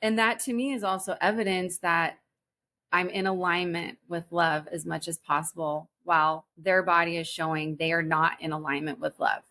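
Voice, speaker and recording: Earnest woman in her forties, lower-pitched. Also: fairly even intonation, sharp tone. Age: 40s. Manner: earnest, halting, with many restarts. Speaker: guest, spiritual teacher. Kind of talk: personal story in a podcast interview.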